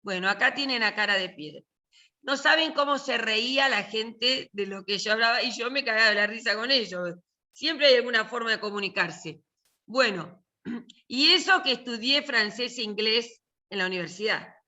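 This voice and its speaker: Older woman, Argentine accent, bright piercing tone; colloquial, joking literature teacher on a video call. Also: a little high, normal speed. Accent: Argentine Spanish. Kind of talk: casual online class talk.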